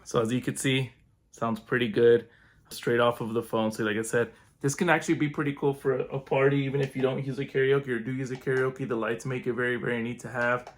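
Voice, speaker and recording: A man giving a relaxed, chatty product review at home, walking through features. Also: mid-range voice, brisk. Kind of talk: casual unboxing review.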